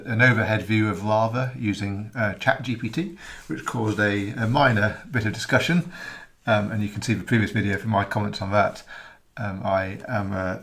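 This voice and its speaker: Hoarse, gravelly man rambling through a tutorial. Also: lowish voice, fairly bright tone. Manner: rambling, many ums and uhs, self-correcting. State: losing his voice. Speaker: software developer demonstrating his app. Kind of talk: casual screen-recorded tutorial.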